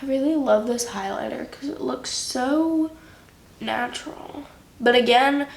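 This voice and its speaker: Fairly high-pitched and a touch bright, this young beauty vlogger talks through a makeup tutorial at a relaxed pace, with plenty of fillers. Her voice is slightly nasal because of a cold. The room echoes, and there's faint noise in the background.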